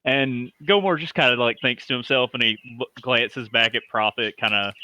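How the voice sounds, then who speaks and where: A man's voice: mid-range voice, moderate pace, bright, forceful tone, dry recording. A man playing a tabletop game, chatting casually in a joking, slangy way and repeating his words. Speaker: player.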